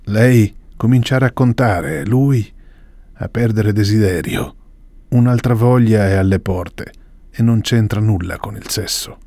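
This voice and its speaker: Man, expressive literary reading, varied pitch, dry sound. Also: a little slow, no echo. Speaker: reader. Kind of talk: reading literary fiction aloud.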